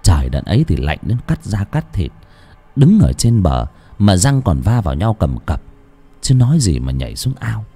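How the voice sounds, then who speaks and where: A man's voice: normal speed, husky. A man narrating a horror story for an audiobook, telling it expressively. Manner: expressive storytelling with wide swings in pitch. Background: faint music.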